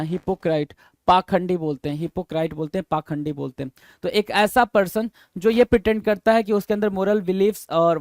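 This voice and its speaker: A man teaching English vocabulary for exam prep. He reads each definition slowly in English, explains it in Hindi, quizzes the listener with repeated questions and spells the answers letter by letter. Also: high voice, darkish tone, no room sound.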